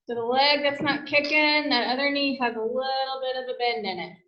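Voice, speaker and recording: A woman's voice: sits high, steady tone, brisk. A woman leading a group exercise class as instructor, calling out drills and counts like a gym coach with encouraging prompts. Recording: echoey room, dull muffled sound.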